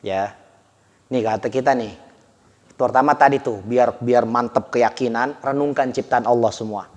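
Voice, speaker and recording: A man giving a lively, colloquial sermon as an Islamic preacher, often addressing his listeners directly. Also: mid-range voice, moderate pace. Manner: animated, colloquial, addressing listeners as Pak, with laughter. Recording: echoey hall recording.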